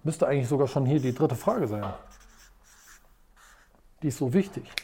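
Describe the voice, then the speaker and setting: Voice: medium pitch, moderate pace, a little hiss or hum. A motivational coach teaching at a whiteboard, talking emphatically, repeating rhetorical questions and telling stories dramatically. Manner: tells stories in a lively, dramatic way. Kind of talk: motivational video lesson at a whiteboard.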